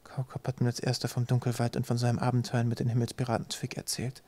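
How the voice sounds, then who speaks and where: A man voicing a remorseful young man, quiet, subdued, level delivery, storybook reading. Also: mid-range voice, completely flat delivery, fast talker, natural voice.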